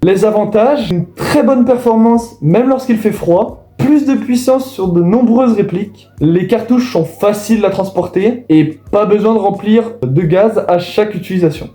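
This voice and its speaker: Man, high mellow voice, casual explainer, echoey room, faint music. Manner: casual, addresses viewers directly. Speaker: video host. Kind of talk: explanatory voice-over.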